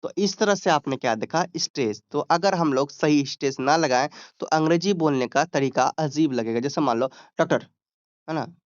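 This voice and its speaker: A man with a Hindi accent gives an exam-prep lesson in a slightly high, smooth voice. He explains step by step, stretches out English terms and keeps checking that students follow. The recording is dry and a little muffled. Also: moderate pace, hardly any pauses, no room sound. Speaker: exam tutor.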